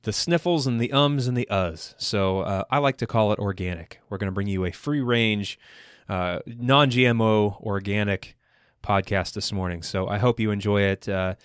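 A man's voice: lowish voice, normal speed, hardly any pauses, smooth, no room sound, clean studio sound. A man in his thirties hosting a podcast in casual chat, rambling with lots of fillers and restarts. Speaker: podcast host.

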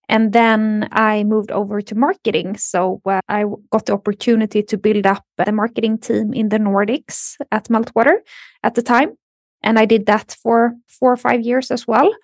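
A woman from Sweden speaking English with a Swedish accent as a podcast guest, explaining in a measured way with soft fillers. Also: mid-range voice, gravelly, no echo, clean studio sound. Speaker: guest, marketing executive. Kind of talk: podcast interview.

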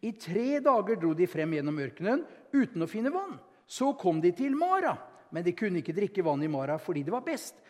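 A man preaching a sermon in a chatty, lively way, with loud excited bursts and quiet asides. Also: sits high, hardly any pauses. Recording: church hall with long reverb.

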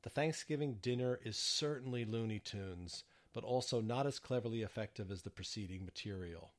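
A man reading his prepared theater reviews in a measured scripted narration. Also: fairly low pitch.

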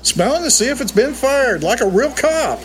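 A man's voice: very high-pitched, sing-song, moderate pace. A man playing a flippant, cocky cop. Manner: flippant, joking. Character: crude, cocky male cop partner. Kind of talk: audio drama acting.

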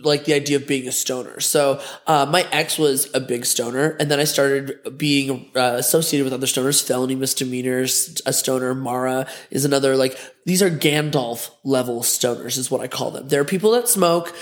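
A young adult man telling candid, crude stories in a casual vlog monologue, animated and full of fillers. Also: mid-range voice, normal speed, hardly any pauses. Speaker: host of a talk vlog.

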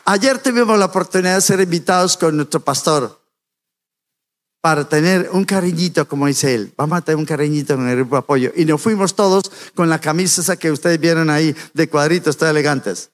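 A man with a high-pitched voice gives a sermon in a church. He keeps it light and jokey, talking straight to the congregation in a chatty way. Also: brisk. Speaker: church speaker. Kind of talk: humorous sermon. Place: church sanctuary.

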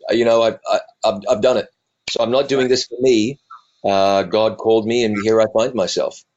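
This is a middle-aged man, an evangelist and TV presenter, joking and self-deprecating as he tells stories in an interview, full of animation. Fairly low in pitch and moderately paced, he has a New Zealand accent softened by decades in the US. The recording's highs are cut off.

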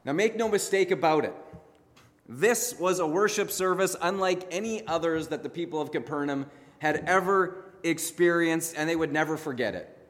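A male pastor preaches a narrative sermon, building drama with deliberate pauses. His voice sits a little high. A long reverb trails each phrase through the large church room. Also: fairly bright tone. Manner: dramatic retelling with emphatic pauses. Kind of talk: sermon storytelling.

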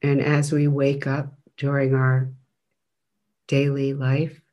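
A man leading a guided breath meditation as a teacher, speaking gently in measured phrases with long pauses between them. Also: medium pitch, monotone, dull audio.

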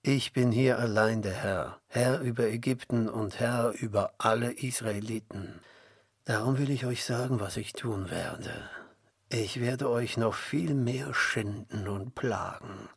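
A man's voice: medium pitch, unhurried, creaky, breathy edge, no room sound, studio quality. A man reading the part of a proud, angry king in a storybook, haughty and commanding.

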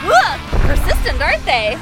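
A brash cartoon superheroine with a very high voice that swings from grand solemnity to hammy bellowing. She is bombastic, foul-mouthed and ruled by her appetite, delivered slowly over clear background music. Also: wildly swooping pitch, full character voice. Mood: cocky. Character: brash, gluttonous, food-obsessed superheroine. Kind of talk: animated comedy voice acting. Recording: music behind the voice.

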